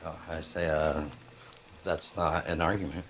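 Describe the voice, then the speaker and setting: Very deep-voiced man, hesitant caller. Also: flat delivery, unhurried, a bit bright, slight background noise. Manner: hesitant, many fillers, dry. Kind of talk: casual call-in chat and debate.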